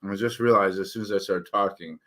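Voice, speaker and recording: Hosting his own channel as an author, this middle-aged man talks in a candid, rambling, self-deprecating way. His pitch sits fairly low and his tone is steady and sharp, with a slightly quick pace. His speech sounds thick, slightly slurred and heavy on the tongue.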